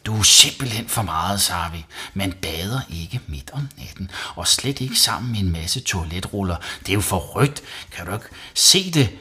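A man reading a storybook and voicing an angry mother who shouts and scolds her son. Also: low voice, lively intonation, few pauses, husky, exaggerated voice. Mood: stern.

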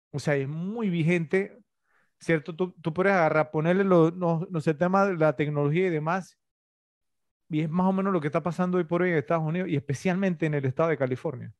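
A man's voice: a little high, steady tone, a little fast, no room sound. A middle-aged man co-hosting a casual film-review podcast, rambling and full of tag questions. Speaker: podcast co-host.

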